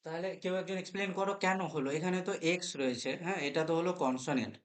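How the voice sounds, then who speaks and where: A man's voice: sits high, racing. Bengali-accented man teaching grammar. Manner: checks in with students often, spells words letter by letter. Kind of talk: live online class lecture.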